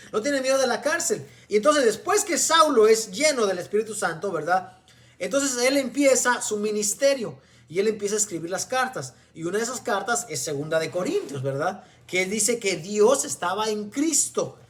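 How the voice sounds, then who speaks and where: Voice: mid-range voice, a bit bright. Preacher explaining scripture, asking "¿verdad?". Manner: often asks the listeners "¿verdad?"; reads scripture aloud and explains it. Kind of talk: sermon with Bible reading.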